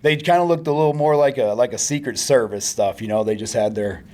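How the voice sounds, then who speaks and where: A man who served in the army telling war stories as a podcast guest, in a low-key way that trails off quietly, with many fillers. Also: brisk. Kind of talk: casual interview storytelling.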